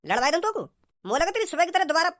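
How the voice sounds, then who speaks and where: A high-pitched, quick-talking cartoon father and boss, voiced by a man. He barks orders and scolds impatiently, never pausing long. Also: big pitch swings, a crowd in the background. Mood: scolding. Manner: brusque, scolding. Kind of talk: cartoon dialogue.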